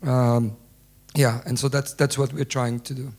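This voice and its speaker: Guy on a panel, middle-pitched voice, answers slow and hesitant, clears his throat. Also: little pitch movement, a little mellow. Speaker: panelist, newsroom founder.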